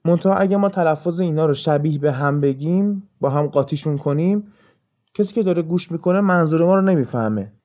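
A man's voice: a little high, dark tone. A man hosting an educational podcast, patiently explaining things step by step with examples. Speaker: podcast host and English teacher.

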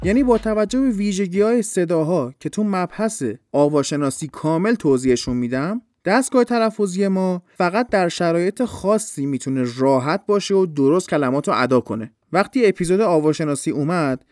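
A man's voice: sits high, expressive, few pauses, darkish tone, no room sound, clean studio sound. A man explaining pronunciation in a patient, step-by-step podcast lesson. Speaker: English teacher.

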